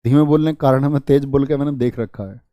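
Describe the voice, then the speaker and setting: A man teaching an exam-prep history lesson, speaking softly and drilling facts with repeated questions and memory tricks. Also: medium pitch, fairly even intonation, fast talker, dry recording. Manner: speaks softly on purpose to spare his throat; addresses students as "bhaiya". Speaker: history tutor.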